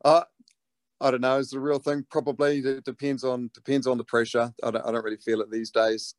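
A man's voice: mid-range voice, little pitch movement, brisk, dry recording, studio quality. A man with a broad New Zealand accent chatting casually in an interview, laid-back and matey. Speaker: interviewed rock band lead singer.

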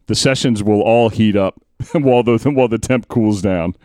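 Low-voiced chatty male podcast host. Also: dark tone, clean tone, no room sound, clean studio sound. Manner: chatty, reads stats quickly. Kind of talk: casual sports chat.

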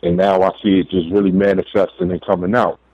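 A man's voice: sits low, flat delivery, quick pace, warm tone, no room sound. A man with a Brooklyn accent calling in by phone, chatting casually and hesitantly with lots of "you know". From Brooklyn, New York. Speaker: phone-in caller. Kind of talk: casual chat. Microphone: telephone. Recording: narrow tinny phone line.

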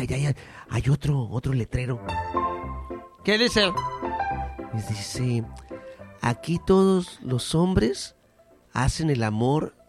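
A man voicing two bawdy, gossiping middle-aged women friends with a Mexican accent in a comedy sketch, trading teasing banter and breaking into cackles and squeals. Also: fairly high pitch. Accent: Mexican Spanish. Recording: music playing behind the voice.

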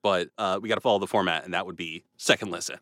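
A man hosting a casual podcast guessing game, explaining the rules in a lively, playful way. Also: sits low, fast talker, no room sound, studio quality. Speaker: quiz host.

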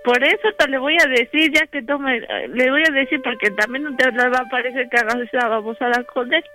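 Here a man puts on a worried young sister in a radio prank call. She sounds very high and bright, insistent and pushy. A little music plays faintly behind her. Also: fairly even intonation, brisk, exaggerated voice. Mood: pleading. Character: worried young woman, the sister, pleading and scolding.

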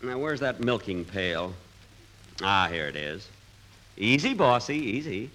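An actor playing a good-natured, bumbling husband trying farm life in a 1940s radio comedy. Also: male voice, lowish voice, sing-song, a little slow. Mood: muddled, soothing. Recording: very noisy old 1940s radio recording.

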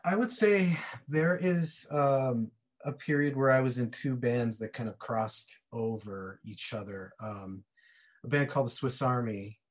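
A man's voice: medium pitch, measured pace, faint music behind. A man, a drummer, recalling his past bands in an interview, hesitant with many fillers. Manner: hesitant, listing names and bands. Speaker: band drummer. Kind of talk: reminiscing interview.

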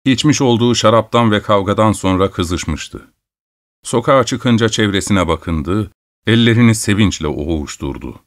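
A man narrating a classic novel as an audiobook in a steady, literary reading voice. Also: on the low side. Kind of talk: scripted narration.

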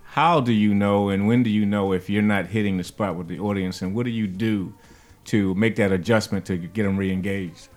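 A man hosting a casual interview, relaxed and laughing easily as he asks questions. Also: on the low side, normal speed, faint music behind. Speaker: interviewer, host.

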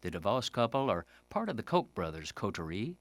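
A man's voice: lowish voice, sing-song, fairly quick, no echo. A man delivering scripted political radio commentary in a folksy, sardonic manner.

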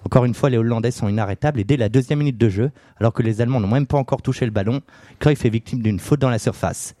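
A man's voice: mid-range voice, quick pace, dark tone, dry recording, studio quality. A man on a casual podcast, telling football history in a loose storytelling way, with many fillers and jokes. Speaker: podcast co-host.

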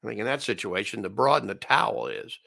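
A man's voice: fairly low pitch, fast, gravelly, bright, forceful tone. A man hosting a solo commentary show, ranting with sarcastic, mocking asides.

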